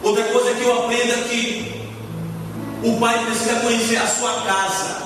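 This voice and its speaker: A man's voice: very high voice, flat delivery, moderate pace. A man from Rio de Janeiro with a Carioca accent, a deacon preaching a sermon with emphasis and repeating his key phrases. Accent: Carioca Brazilian Portuguese. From Rio de Janeiro, Brazil. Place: church hall. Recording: echoey hall, mic far off. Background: music playing.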